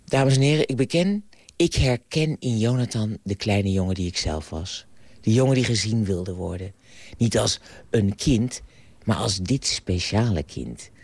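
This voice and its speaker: A man reading a children's story aloud on the radio, with an animated, playful delivery, then reflecting on it. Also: lowish voice, measured pace, breathy edge, no echo. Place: radio studio.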